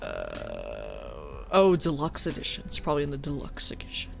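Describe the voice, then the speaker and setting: This woman has a very deep, bass voice and a gravelly texture, her pitch swooping wildly at a moderate pace. A streamer and teacher with a stuffy, sniffly nose, she chats casually, swears, and mocks herself while soft music plays.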